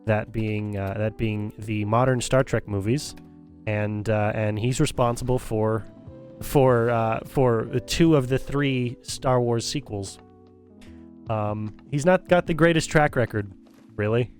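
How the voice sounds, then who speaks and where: A man's voice: medium pitch, slow pace, darkish tone, faint music behind. Opinionated male streamer ranting casually. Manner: repeats and restarts phrases while thinking. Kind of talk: casual livestream commentary.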